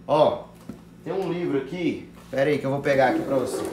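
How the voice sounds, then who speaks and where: A man's voice: mid-range voice, fairly quick. A young man with a Brazilian accent teaching a live class on online sales, blunt and slangy, swearing and calling viewers brother. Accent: Brazilian Portuguese. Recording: echoey room with faint ambient noise.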